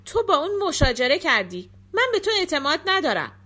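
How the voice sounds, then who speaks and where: A woman voicing a grieving young widowed queen who speaks loudly and accusingly. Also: sits high, very animated, heavily acted. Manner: accusing, loud.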